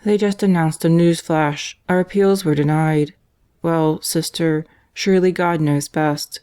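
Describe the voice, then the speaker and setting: A woman voicing a calm, devout male prisoner whose letters are gentle and resigned. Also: deep voice, a little slow, smooth. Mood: earnest.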